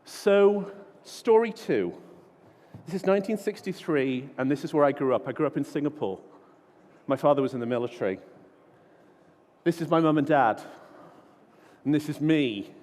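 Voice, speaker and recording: A man's voice: on the high side, lively intonation, normal speed, pauses often, darkish tone. A man giving an informal, self-deprecating keynote talk full of stories at a large conference. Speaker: conference speaker. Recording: long hall reverb.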